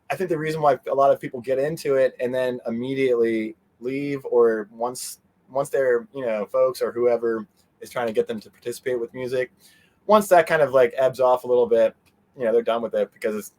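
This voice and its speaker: Chuckling frequently, a middle-aged interview guest chats in an easygoing, wandering way. He speaks fairly quickly in a medium-pitched, darkish voice with fairly even intonation.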